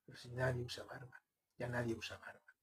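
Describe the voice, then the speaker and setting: A man's voice: mid-range voice, level tone, brisk, background noise, close to an everyday voice. A man reading an incredulous anxious father. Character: anxious middle-aged father, an engineer, incredulous.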